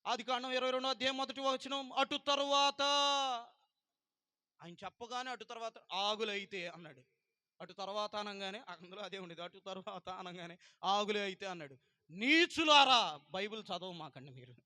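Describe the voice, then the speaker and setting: A man, a pastor giving a testimony sermon to a congregation, swinging from loud rebuke to quiet asides. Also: sits high, moderate pace, no room sound, studio quality.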